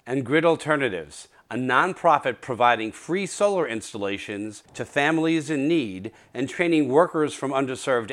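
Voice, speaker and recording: A man's voice: medium pitch, fairly bright tone. A man hosting an interview podcast, closing with a scripted summary and a plain sign-off. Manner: laughs often, ends with a playful spoken rap. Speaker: podcast host.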